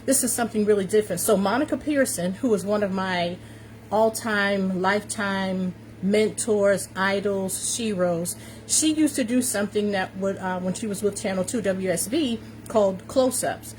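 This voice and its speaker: A woman's voice: medium pitch, normal speed, poor audio. A woman of fifty-five with an American accent hosting a casual livestream, upbeat and emphatic, often repeating her phrases. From New York City, United States. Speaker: live stream host, confidence coach. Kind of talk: casual livestream chat to viewers. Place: warm room indoors. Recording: steady fan noise behind voice.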